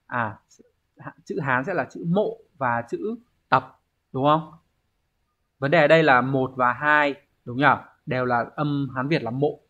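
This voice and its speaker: A man's voice: mid-range voice, unhurried, sharp tone. A man teaching an online exam review lesson, explaining step by step and often checking in with his students. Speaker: Japanese teacher. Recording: dull lo-fi recording.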